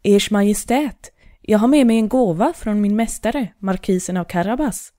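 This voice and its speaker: Scheming male cat in boots read by a woman: smooth, persuasive purr, warm low tone, dry sound. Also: dry recording, natural voice. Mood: sly.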